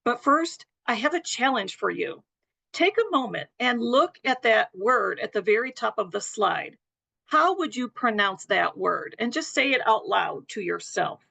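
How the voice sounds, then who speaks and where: A woman nursing educator presenting a webinar lecture in a steady, explanatory way, her voice a bit worn and throat-clearing. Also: a little high, a little slow. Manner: explanatory, steady, apologetic over glitches.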